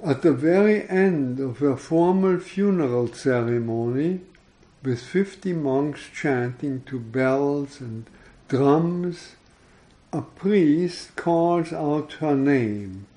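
A man reads a literary story aloud at a very slow, measured pace. His voice is mellow and dark, and his delivery stays solemn and even throughout. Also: a little high, low-quality recording. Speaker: podcast reader. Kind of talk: reading literary fiction aloud.

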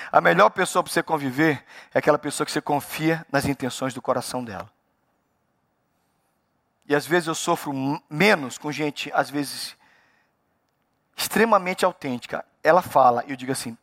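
A man preaching as a pastor in a church, animated, acting out little dialogues with God. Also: fairly high pitch, vocal fry, no echo, clean studio sound. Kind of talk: sermon.

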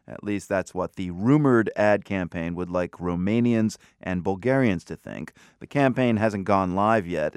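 A male radio host presents the news and questions a guest, brisk and lightly wry. His low voice is recorded dry and close in a studio. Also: clear, resonant tone, no room sound.

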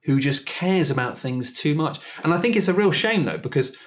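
A man hosting a casual panel chat, thoughtful and halting with many restarts. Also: fairly high pitch, lively intonation.

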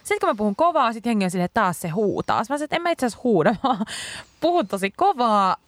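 A woman speaks loudly and bluntly in casual conversation, dropping swear words without a pause. Her voice sits at an ordinary mid pitch. The sound is dry and close to the mic. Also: big pitch swings, dry recording. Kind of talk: casual chat.

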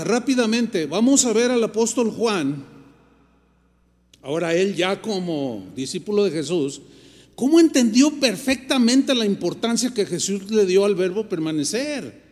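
A man's voice: high voice, darkish tone, long reverb tail. A man preaching a sermon from Mexico, telling a story animatedly and acting out the dialogue. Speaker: pastor.

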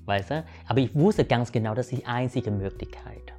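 Speaking as a guest, a Vietnamese-born man whose first language is Vietnamese shares personal stories in a reflective way. His medium-pitched voice is mellow, and he stumbles along haltingly with many restarts and fillers, often asking "weißt du". Music can faintly be heard behind him.

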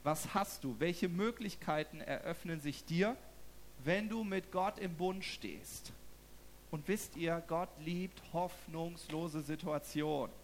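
Higher-voiced man preaching a sermon. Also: slight background noise. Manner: addresses listeners directly with frequent checking "ja?" and "so"; reads scripture slowly and deliberately. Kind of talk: sermon, reading scripture then preaching.

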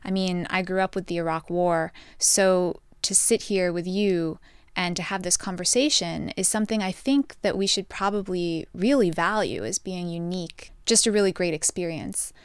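A woman's voice: lowish voice, moderate pace, clean tone, no echo, clean studio sound. A woman in her thirties from Virginia, hosting an interview and asking reflective, thoughtful questions. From Virginia, United States. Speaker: podcast host, interviewer. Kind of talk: conversational interview.

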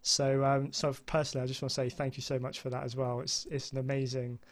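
A man's voice: medium pitch, flat delivery, fast talker. A man with a southern British accent hosting a casual interview in a hesitant, rambling, enthusiastic way. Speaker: podcast host.

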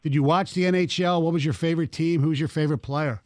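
Higher-voiced male radio co-host, dry studio. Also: steady tone, darkish tone, dry recording. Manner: halting starts, restates questions. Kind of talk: radio interview.

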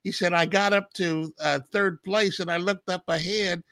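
Gravelly, sharp-toned male co-host, storytelling, dry studio. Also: high-pitched, steady tone, moderate pace, no room sound. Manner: storytelling, laughs while talking. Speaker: radio co-host, stats man. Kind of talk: casual studio chat.

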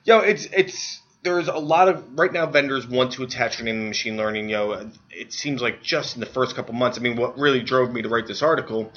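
A hungover man co-hosting a podcast, explaining things informally in a halting, hedging way full of fillers. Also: medium pitch, sharp tone. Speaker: podcast co-host and editor. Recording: dull lo-fi audio.

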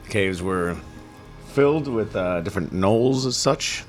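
A man's voice: lowish voice, lively intonation, a little slow, faint music behind. A man running a tabletop game, casually recapping the last session with many fillers. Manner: loose, rambling, many fillers. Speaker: game master.

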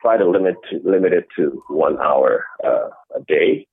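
A middle-aged man from the Netherlands answering interview questions in a measured way, often restarting his sentences. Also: rumbling low, slightly rough, no echo. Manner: measured, with frequent restarts and fillers. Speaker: interview guest, innovation executive. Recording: dry, tinny phone-like call audio.

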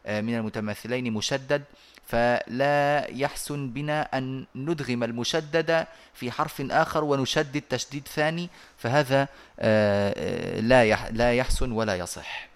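Male recitation teacher on a voice call, mid-pitched voice, halting explanations with pauses, chants quoted verses. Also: clear, resonant tone. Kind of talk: online lesson explanation. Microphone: online voice call.

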